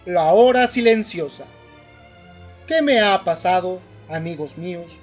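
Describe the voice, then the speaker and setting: A man narrating an audiobook of philosophy in a measured, solemn first-person telling. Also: sits high, expressive, soft background music.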